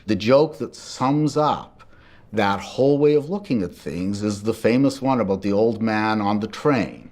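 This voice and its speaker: A man being interviewed for a documentary, telling history and jokes in an animated storyteller's manner. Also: on the low side, a little slow.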